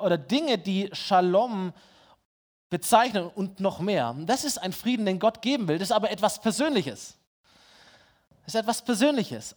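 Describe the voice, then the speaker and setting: A man preaching a sermon in a conversational way, speaking directly to his listeners and asking them rhetorical questions. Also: sits high.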